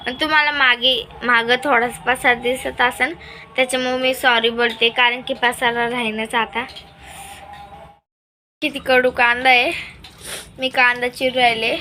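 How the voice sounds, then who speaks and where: Young woman vlogger, high bright voice, chatty home-kitchen vlog. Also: level tone, measured pace, long pauses, slight background noise. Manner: chatty, addresses viewers while cooking. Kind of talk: casual family vlog chat.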